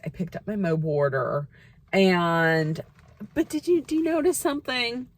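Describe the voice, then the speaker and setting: A woman in her fifties chatting excitedly to camera in a casual vlog, with squeals and laughs. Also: lowish voice. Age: 50s. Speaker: vlogger.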